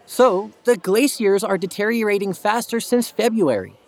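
A woman's voice: mid-range voice, measured pace, a little mellow, natural voice. A woman playing chatty young Lia. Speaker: dialogue actor.

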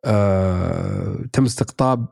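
A man's voice: sits low, unhurried, vocal fry, darkish tone, husky, no room sound, clean studio sound. A man, chatting casually as a podcast guest, thinking aloud with many fillers and restarts. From Saudi Arabia. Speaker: podcast guest, actor and writer. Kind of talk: casual chat.

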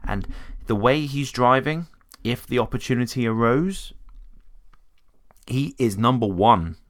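A man's voice: mid-range voice, animated, measured pace. A man giving casual, opinionated commentary on racing drivers, talking conversationally with frequent restarts. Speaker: motorsport commentator.

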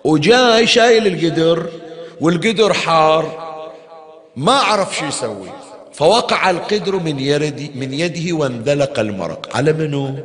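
A man's voice: a little high, expressive, moderate pace, a bit bright. A man preaching in a mourning hall, telling a story with feeling and throwing rhetorical questions at his listeners. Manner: emotive storyteller, asks the crowd rhetorical questions. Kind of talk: Shia mourning sermon storytelling. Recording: long hall reverb.

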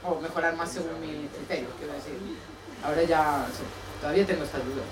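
Young woman, group sharer, halting and searching, lowish voice, recorded far off in a roomy space with background noise. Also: fairly even intonation. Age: young adult. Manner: hesitant, searching, many restarts. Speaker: group participant. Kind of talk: group sharing circle talk.

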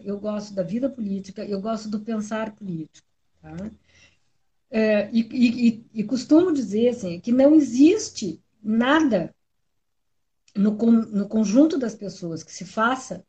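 A woman's voice: fairly high pitch, mellow, lo-fi sound. A woman, chatting reflectively and often ending with tag questions. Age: 60s. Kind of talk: casual conversation.

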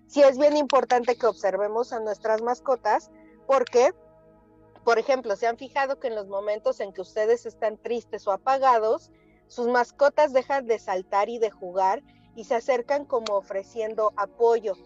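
A woman, a therapist guest chatting on a talk show and telling lively anecdotes that she acts out. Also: fairly high pitch, moderate pace, muffled recording, soft background music. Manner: animated storyteller, acts out quotes. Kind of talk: casual talk show chat.

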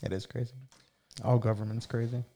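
A man's voice: medium pitch, little pitch movement, fairly quick, warm tone. A young man in casual chat, laid-back and teasing.

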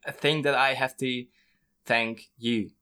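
A man at an ordinary pitch speaks earnestly in a relaxed conversation. He restarts his phrases as he searches for words. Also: unhurried, clean tone. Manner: earnest, appreciative, hesitant. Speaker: conversation guest. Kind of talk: casual conversation.

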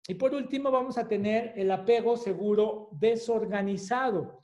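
A woman's voice: a little high, moderate pace, dark tone. A woman giving an educational talk on attachment, often ending points with a questioning tag. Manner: explains with acted-out dialogue examples and tag questions.

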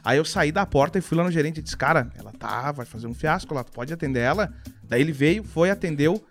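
A man, telling stories in a casual podcast chat, quick and animated, imitating other people's voices. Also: on the high side, faint music behind. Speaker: podcast co-host.

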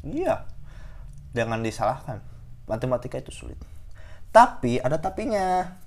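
A young man talks through his opinions in a loose, unscripted monologue. His voice sits at an ordinary middle pitch, and he often pauses on filler sounds, restarts words and repeats phrases for emphasis. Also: big pitch swings, darkish tone, slight background noise. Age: young adult. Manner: hesitant, many fillers and self-corrections. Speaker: podcaster sharing opinions. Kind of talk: casual monologue.

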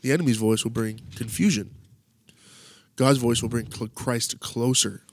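A man's voice: mid-range voice, normal speed. A man hosting a podcast, explaining faith topics in a loose, conversational teaching way while thinking aloud. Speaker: podcast host. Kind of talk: casual faith talk.

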